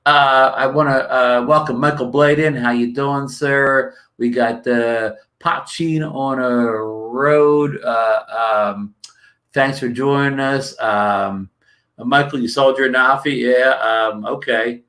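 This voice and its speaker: A man's voice: mid-range voice, takes it slowly, a bit bright. A man from New Jersey hosting a casual livestream, rambling with many fillers and restarts and greeting viewers, his throat dry. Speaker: livestream host.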